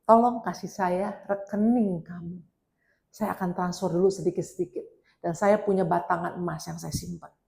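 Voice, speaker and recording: A woman voicing a smooth-talking adult male online romance scammer who speaks slowly and in a hushed, coaxing way. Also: on the low side, fairly even intonation.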